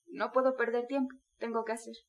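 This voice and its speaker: Lady reading as an annoyed young guy, curt and sharp, pushing back, high voice. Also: little pitch movement, a little fast, lo-fi sound, close to an everyday voice. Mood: irritated. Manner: curt, sharp, rising anger. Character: irritated, proud young man under questioning.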